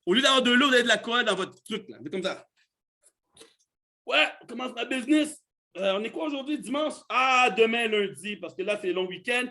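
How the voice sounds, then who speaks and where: Male live-training host, mixed in, high bright voice, casual motivational delivery. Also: a little fast. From Canada. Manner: animated, repeats himself, mixes in English words.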